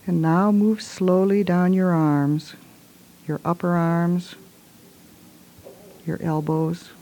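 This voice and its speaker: A woman leads a guided relaxation in a soft, hushed voice, giving gentle, soothing instructions in short phrases. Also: on the low side, fairly even intonation, slow.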